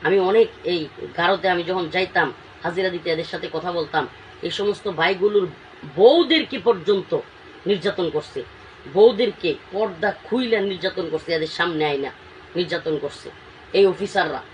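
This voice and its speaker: A man's voice: high voice, normal speed. A man, speaking as a cleric in an interview, emotional and pleading, with emphatic outbursts. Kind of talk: impassioned interview talk. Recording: distant mic with faint background noise.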